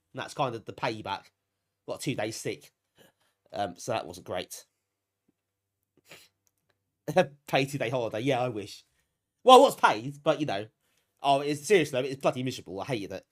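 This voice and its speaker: This British man's mid-range voice is expressive and a little fast, broken by long pauses. As host of a retro gaming live stream, he's bunged up while recovering from a cold, chatting casually, poking fun at himself, and appreciating his viewers.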